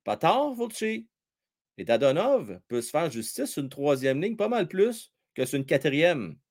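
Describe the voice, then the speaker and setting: A man with a Quebec French accent hosting a live hockey stream, commenting on the game and chatting with viewers in a slangy, excitable way. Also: unhurried. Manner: excitable, chatty, slangy, swings between shouting and low asides. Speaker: hockey livestream host.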